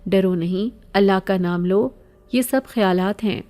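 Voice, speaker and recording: A woman voicing a gentle middle-aged mother who calmly reassures her frightened daughter in a spoken horror story. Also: medium pitch, lightly acted. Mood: soothing. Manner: calm, reassuring, pious.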